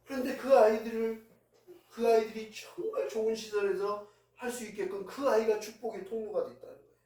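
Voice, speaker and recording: Male pastor, high mellow voice, chatty storytelling sermon, heavy hall echo from a distance. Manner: conversational storytelling, recounting events with feeling. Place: church sanctuary. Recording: very echoey hall, voice heard from a distance.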